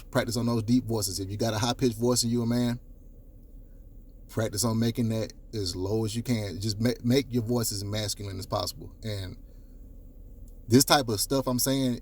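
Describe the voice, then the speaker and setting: Deep-voiced man giving blunt dating advice. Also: darkish tone. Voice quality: deep baritone. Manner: coaching, emphatic, repeats points, casual profanity. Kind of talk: direct-to-camera advice talk.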